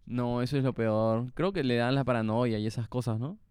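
A young man co-hosting a podcast in casual chat, soft-spoken, joking and laid-back. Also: medium pitch, steady tone, moderate pace, clear, resonant tone, no echo, studio quality. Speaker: podcast co-host.

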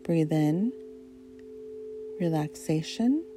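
A woman leads a guided relaxation like a slow hypnotist. Her voice is soft, very mellow and a little low. She speaks in short, unhurried phrases with long pauses, over faint music. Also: animated. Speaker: guided meditation narrator.

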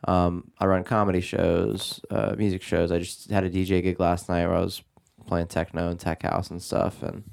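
A man with a low, gravelly voice hosts a podcast. He talks in an easygoing way, and his thoughts run together. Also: little pitch movement, moderate pace, hardly any pauses, darkish tone. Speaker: podcast host. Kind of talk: casual chat.

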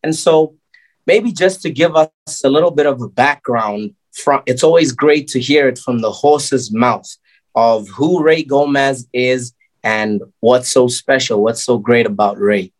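A man's voice: mid-range voice, unhurried, low-quality recording. A man hosting a podcast, introducing a guest with enthusiasm and often saying "basically" and "okay.". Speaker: podcast host. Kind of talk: podcast interview.

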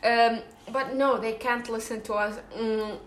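A woman's voice: on the high side, steady tone, a little slow, roomy sound, a little hiss or hum. A young woman chatting casually on her vlog while eating, full of fillers and restarts. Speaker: vlogger.

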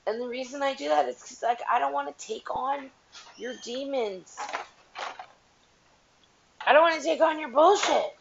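A woman with a high voice and vocal fry speaks at normal speed, pausing often, as she hosts a casual solo podcast while washing dishes. She's blunt, profane and frank. Her headset mic gives a tinny, tin-can sound, with a little hiss or hum and faint dish clatter.

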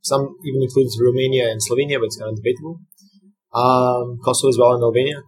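A young man with a Serbian accent speaks as a guest in conversation. His voice is medium in pitch and noticeably husky. He explains things in hesitant, pieced-together phrases. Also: fairly even intonation, quick pace, low-quality recording. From Belgrade, Serbia. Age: young adult. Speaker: podcast guest, graduate student.

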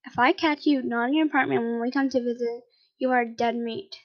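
A gruff young man issues a stern warning to a friend, read out by a woman. The voice sits fairly high, and the recording is dull and lo-fi. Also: fairly even intonation, a little fast, close to an everyday voice.

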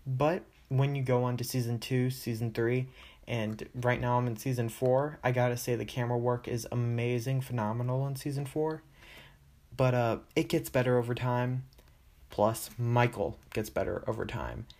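A man's voice: medium pitch, steady tone, moderate pace, darkish tone. Man, podcast host, casual recap, chatty and loose, lots of filler words.

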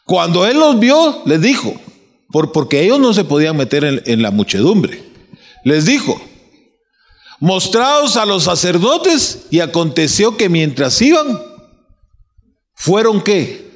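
Preacher guy, kinda high voice, big pitch swings, lots of questions n restarts, reverby church hall. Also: big pitch swings, a little slow. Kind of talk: sermon.

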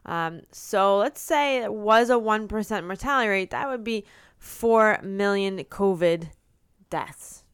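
A woman from the United States co-hosting a casual podcast, walking through numbers with wry, deadpan sarcasm. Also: mid-range voice, unhurried, clear, resonant tone, no room sound, clean studio sound. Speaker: podcast co-host.

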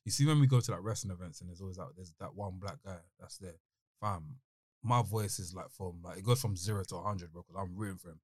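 A man with a London roadman accent telling stories in casual, slang-heavy, animated chat. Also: deep voice, fast talker, husky, no echo.

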